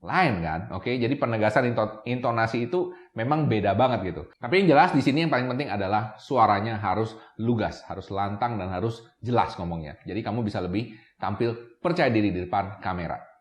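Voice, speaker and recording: A man's voice: fairly low pitch, expressive, a little fast. Chatty man presenting tips to camera. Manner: chatty, keeps adding "ya kan?" to check in; mixes English words into his talk. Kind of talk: casual explainer to camera. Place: room with a camera operator. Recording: echoey room.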